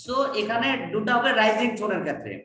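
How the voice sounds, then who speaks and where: A man's voice: high-pitched, very animated, fast talker, a bit bright. A man with a Bengali accent teaching a spoken English class over a video call, patiently repeating and modeling sentences. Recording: echoey, distant, lightly noisy call audio.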